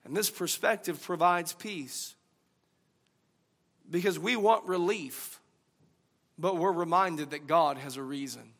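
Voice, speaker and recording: A man preaching a sermon as a pastor, swinging from loud emphasis to hushed tones. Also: on the high side, slow, long pauses. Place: church sanctuary. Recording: long church hall reverb.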